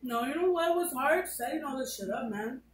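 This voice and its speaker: High-voiced young woman, laughing often. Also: expressive, normal speed. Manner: laughing often, jokey back-and-forth. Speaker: co-host, the host's daughter. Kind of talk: casual family chat, mock tough-girl slang. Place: home, indoors. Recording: echoey room, far from mic, faint hiss.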